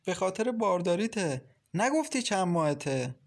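Man putting on a young woman, protective, sharp-tongued, scolding, raised pitch, storybook reading. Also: sing-song, gravelly, heavily acted. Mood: blunt. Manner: blunt, scolding.

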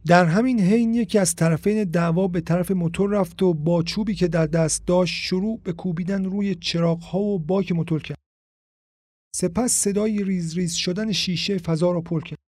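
A man reading a novel aloud as an audiobook narrator, in steady, measured narration. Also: sits high, no room sound. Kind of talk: storybook narration.

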